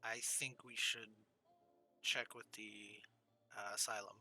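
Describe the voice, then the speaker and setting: A man playing a tabletop game in character, speaking quietly and haltingly. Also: fairly low pitch, little pitch movement. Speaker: player.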